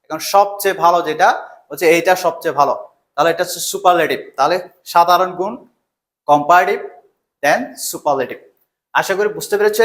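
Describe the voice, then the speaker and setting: A man's voice: high voice, fairly bright tone. A young man teaching an English grammar lesson, explaining patiently step by step and answering his own questions. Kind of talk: classroom lesson in Bengali.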